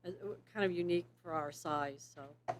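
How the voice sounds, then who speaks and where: A woman's voice: low voice, steady tone, normal speed, slight background noise. A woman giving a board meeting presentation, explaining things step by step. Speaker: appraisal district official presenting.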